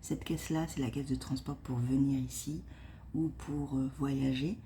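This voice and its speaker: A woman whispering and speaking very softly in a hushed early-morning vlog, hesitant, with many fillers and restarts. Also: rumbling low, steady tone, normal speed, a little hiss or hum. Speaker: vlogger. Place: at home before dawn.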